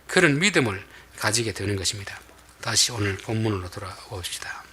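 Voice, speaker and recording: A male pastor delivers a sermon with a husky, slightly raspy edge. His pitch leaps and falls in lively swings, and his tone is bright and forceful. He shifts between loud emphatic bursts and soft, almost whispered asides. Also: fairly quick.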